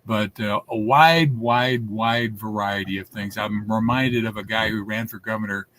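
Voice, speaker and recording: A man's voice: lowish voice, steady tone, measured pace, fairly bright tone. A man in his seventies, a guest telling stories in a casual interview, rambling with many restarts. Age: 70s.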